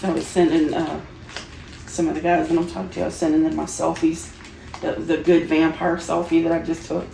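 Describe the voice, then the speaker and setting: Here a middle-aged woman talks fairly quickly in a low, warm voice that stays level in tone. She chats casually and giggles playfully as she unboxes Halloween items, exclaiming often. The audio carries a roomy echo and clear background noise.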